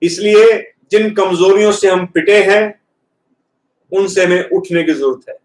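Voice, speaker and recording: A man, a professor, giving an earnest motivational talk in a lecture hall and slowing down to stress key words. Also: high-pitched. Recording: echoey hall, speaker far from mic.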